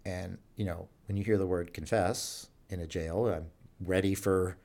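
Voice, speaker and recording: A fairly low-pitched man tells stories from his work as a doctor at a jail clinic in a relaxed interview. He delivers the anecdotes with animation and slips into the voices of the people he quotes. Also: normal speed, gravelly. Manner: animated anecdote-telling, acts out quoted dialogue. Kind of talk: storytelling in a conversational interview.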